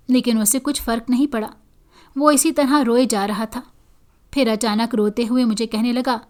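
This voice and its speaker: A woman narrating a first-person horror story in a steady, even storybook reading. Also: a little high.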